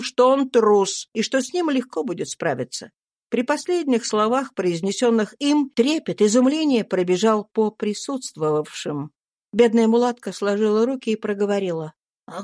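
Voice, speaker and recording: A woman narrates a classic novel in a steady, measured voice, pitched in the middle of the range. The close microphone leaves the sound dry, with no room echo. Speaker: audiobook narrator. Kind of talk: scripted literary narration.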